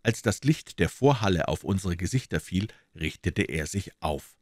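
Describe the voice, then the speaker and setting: Deep-voiced man reading a story. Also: expressive, moderate pace, no echo, clean studio sound. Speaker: audiobook reader. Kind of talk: scripted narration of a classic detective story.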